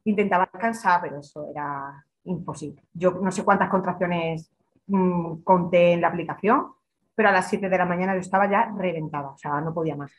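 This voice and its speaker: A woman's voice: on the low side, fairly quick. A young adult woman from Extremadura, a podcast guest who tells her story in a casual interview and acts out her own past words. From Extremadura, Spain.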